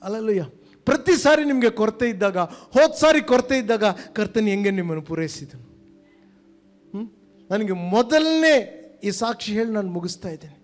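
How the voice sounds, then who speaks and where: An older male pastor, preaching a sermon in a church. He asks the congregation questions and swings between emphatic and hushed delivery. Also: sits high, animated, normal speed, soft background music.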